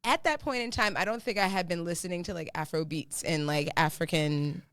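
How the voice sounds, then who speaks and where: A woman's voice: fairly low pitch, a little fast, fairly bright tone, smooth, dry recording. A woman co-hosting a podcast in casual chat, playful and laughing often, thinking aloud. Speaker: podcast co-host.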